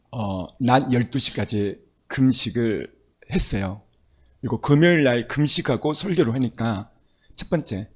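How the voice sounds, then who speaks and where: A male pastor preaching a sermon, telling stories with emphatic, rising exclamations. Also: medium pitch.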